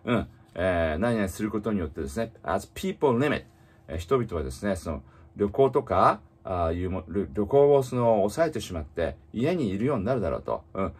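A man teaching English in casual spoken style, reading slowly and explaining with many fillers. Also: fairly low pitch, big pitch swings, breathy edge.

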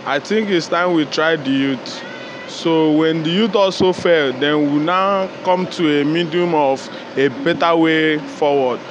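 A man's voice: fairly high pitch, unhurried, highs cut off. A man with a Nigerian accent answering a street interview outside a shop, opening with a proverb and then speaking decisively. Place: outdoors by a shopfront. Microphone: phone held close by interviewer. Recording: street noise behind.

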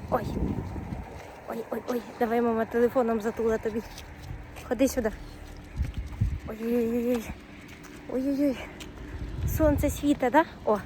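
Young woman, mother vlogger, higher voice, chatty, cooing at baby, noisy outdoor phone audio. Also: fairly even intonation, moderate pace, long pauses. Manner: chatty, coos and talks to her baby. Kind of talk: casual daily vlog.

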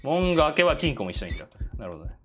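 A woman's voice: low voice, big pitch swings, racing, over music. A woman giving casual horror game commentary, muttering to herself in short phrases. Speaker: game streamer.

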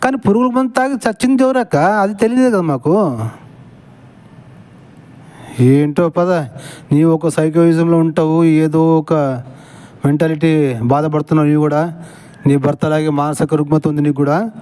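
Brief: fairly high-voiced man, mocking, impatient reaction commentary. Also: steady tone, normal speed, pauses often, dark tone. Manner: sarcastic, impatient questioning.

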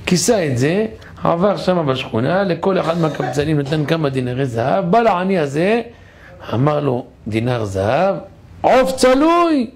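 A man, a rabbi, giving a sermon in a synagogue and telling a parable with animated delivery. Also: on the high side, a little hiss or hum. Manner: animated storyteller, gravelly. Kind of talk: sermon with storytelling.

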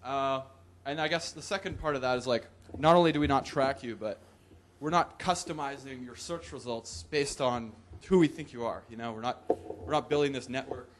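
At a conference hall podium, a young man delivers a relaxed, humorous tech talk that draws laughs and whoops. His voice is mid-range and his pace moderate.

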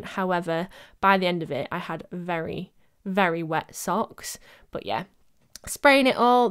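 A young woman vlogger narrates her home cleaning vlog in a smooth, medium-pitched voice. The casual, chatty voice-over is self-mocking and full of laughter, recorded separately in a home studio.

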